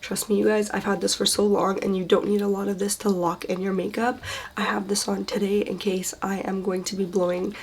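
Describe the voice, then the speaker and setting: A woman at a middle pitch talks through her favourite makeup in a gushing, chatty way, slipping into soft, breathy asides. She sounds a little under the weather, and a faint noise sits behind her. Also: flat delivery, a little fast. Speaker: beauty vlogger. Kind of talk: casual product review.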